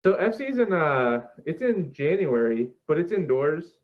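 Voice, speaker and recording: A man chatting casually as an interview guest, laid-back and halting, leaning on filler words, on dull lo-fi audio. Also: fairly high pitch, big pitch swings. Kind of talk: casual chat.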